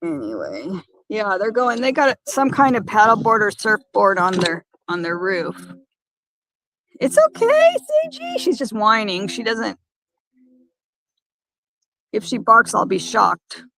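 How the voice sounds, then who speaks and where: A woman chatting casually on a phone livestream by a lake, talking in halting, rambling bursts with many restarts. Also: medium pitch, expressive, gravelly, bright, forceful tone, no echo. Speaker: van-life vlogger. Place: parked by a lake.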